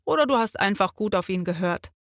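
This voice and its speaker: A woman voicing a calm, gentle fox father who speaks softly in a children's story. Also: medium pitch, a little fast, no room sound, studio quality. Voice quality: soft and quiet.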